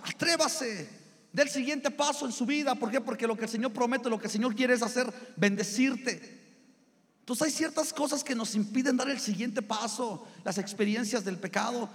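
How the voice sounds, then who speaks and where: Mexican male pastor, high voice, chatty storytelling sermon, reverberant church hall. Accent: Mexican Spanish. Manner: conversational preaching, addresses listeners as brothers. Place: church sanctuary.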